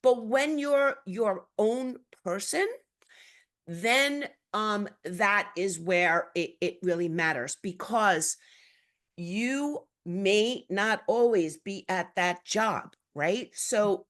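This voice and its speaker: A woman's voice: medium pitch, drawn-out words, a bit bright. A woman hosting a podcast in casual chat, rambling and chatty with frequent restarts. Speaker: podcast host.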